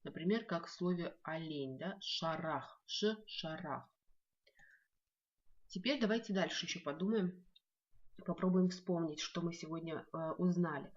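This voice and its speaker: A woman teaching a language lesson in a video, speaking slowly and patiently and repeating each word for learners to follow. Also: fairly low pitch, dull audio.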